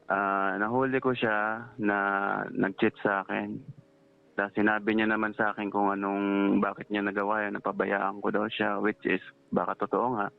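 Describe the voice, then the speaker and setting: A man in his thirties, a security guard calling in to an advice show, retelling his story in a rambling, halting way with many fillers. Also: fairly low pitch, flat delivery, vocal fry. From Philippines. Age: 30s. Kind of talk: phone-in advice call. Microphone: phone. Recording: tinny phone line.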